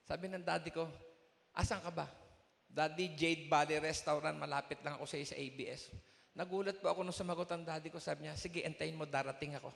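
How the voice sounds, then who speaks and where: High-voiced man giving a church testimony. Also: gravelly, fairly bright tone. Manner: storytelling, acting out both sides of the dialogue. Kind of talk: emotional testimony to a congregation. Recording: live hall recording with long reverb.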